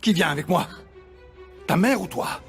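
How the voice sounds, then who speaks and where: Sadistic telenovela hostage taker, threatening, taunting, raised gravelly voice, dramatic score. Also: male voice, sits high, lively intonation, moderate pace. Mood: menacing, gloating. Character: menacing, sadistic male villain taking women hostage. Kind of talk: dubbed telenovela melodrama acting. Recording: dramatic music behind.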